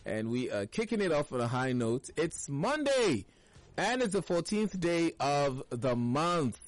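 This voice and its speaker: Smooth radio host man. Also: a little high, big pitch swings, dry recording. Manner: chatty, playful, drawn-out emphasis. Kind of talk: morning radio newspaper review.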